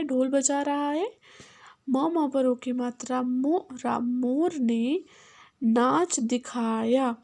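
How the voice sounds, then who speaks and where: Woman teacher for a kids' phonics lesson, sounds out every syllable, slow and patient. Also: high voice, dark tone. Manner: sounds out syllables slowly and repeats them; switches between Hindi and simple English.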